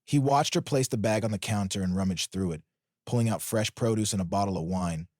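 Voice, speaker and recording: A man reading a scripted drama story aloud in a steady storytelling manner. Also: on the low side, fairly quick, no echo, clean studio sound. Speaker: narrator.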